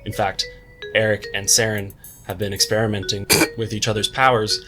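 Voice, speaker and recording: Over music, a book reviewer and video host reads his scripted video-essay commentary with a lowish, flat delivery at a moderate pace. The tone is wry and tongue-in-cheek, sprinkled with slang.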